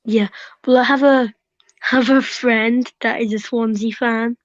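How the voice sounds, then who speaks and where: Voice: medium pitch, fairly even intonation, unhurried, no room sound. A caller on a live stream, heard over a phone call, chatting casually and restarting sentences often. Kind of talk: casual chat. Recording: dull, dry phone line.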